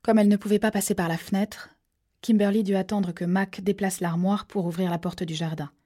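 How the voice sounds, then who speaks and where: Woman reading a thriller audiobook, low mellow husky voice, steady and measured. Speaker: narrator.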